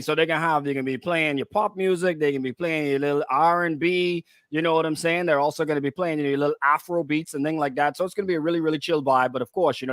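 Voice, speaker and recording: A radio co-host and DJ with a Bahamian accent and a fairly high male voice explains things in a casual, conversational way, often repeating himself. The recording is dry, with clean studio sound.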